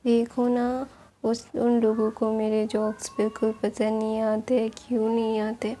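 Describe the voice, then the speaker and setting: A woman with a sore throat reading the lines of a sulky young man whose jokes fall flat, in her own slow voice. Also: fairly high pitch, a little hiss or hum, natural voice. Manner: slow, strained storytelling read. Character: sulky joking young man who feels mocked.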